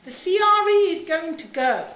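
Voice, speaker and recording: A middle-aged woman from Saint Kitts speaks publicly with passion and emphasis. Her voice sits high, and she drives points home through repetition and rhetorical questions. The room adds a noticeable echo. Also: sing-song, normal speed, bright, forceful tone. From Saint Kitts in the Caribbean, moved to England aged seven. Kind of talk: impassioned public talk. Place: indoor room, speaking to an audience. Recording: roomy, echoing live talk.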